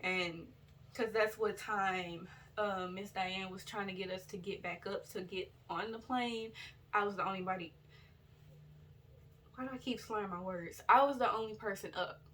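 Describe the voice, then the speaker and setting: A chatty woman recounting her trip in a loose, rambling way, stopping to correct herself and talk straight to her viewers. Her voice sits in an ordinary middle register and comes across a touch distant from the device mic. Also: medium pitch. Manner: rambling and loose, with many fillers and self-corrections; chatty and relaxed, addresses viewers directly. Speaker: vlogger. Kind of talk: casual storytelling vlog. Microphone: built-in device camera mic.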